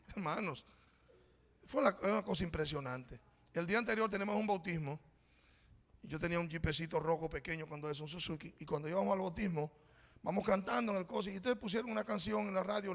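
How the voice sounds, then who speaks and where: This middle-aged man, preaching as a pastor in a church, has a high, creaky voice that's a bit bright. He tells a personal story in a conversational manner and calls his listeners brothers, and the recording carries the echo of a reverberant church hall.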